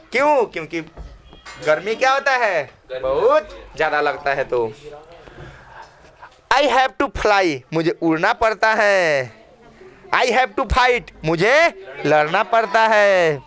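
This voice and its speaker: A man's voice: high-pitched, fairly bright tone. Bhojpuri-accented male teacher quizzing a class. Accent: Bhojpuri-tinged Hindi. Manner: questioning, repeats phrases for the class. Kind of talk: classroom English lesson. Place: classroom with children.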